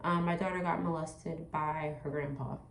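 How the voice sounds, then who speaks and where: A woman's voice: deep voice, fairly even intonation, normal speed, gravelly, slight background noise. A woman talking casually to her viewers while doing her makeup, rambling with lots of "like" and "you know". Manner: addresses viewers directly as "you guys". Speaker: vlogger. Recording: echoey room, voice from off-mic.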